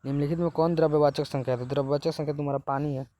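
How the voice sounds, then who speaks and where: A man's voice: fairly high pitch, steady tone, rapid-fire, dark tone. A man teaching a lesson, working through exam questions one at a time and repeating each answer to the students.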